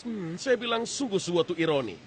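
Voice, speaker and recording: A man's voice: high-pitched, normal speed, slight background noise. A man giving a dubbed lecture voice-over, telling an anecdote with quoted back-and-forth dialogue. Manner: animated storytelling with quoted dialogue.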